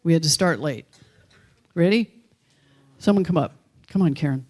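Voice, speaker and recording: A woman's voice: low voice, expressive, normal speed, a little mellow. A woman minister speaking casually and playfully to her congregation, inviting people to share. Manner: playful, encouraging, jokes with the congregation. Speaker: minister leading a sharing circle. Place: church hall.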